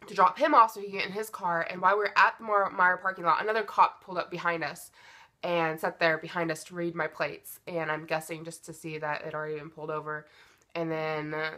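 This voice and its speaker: Bright-voiced American woman telling a casual story. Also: on the low side, little pitch movement, brisk. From United States. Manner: informal and blunt, retells dialogue with "like" and swearing. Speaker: vlogger telling a personal story.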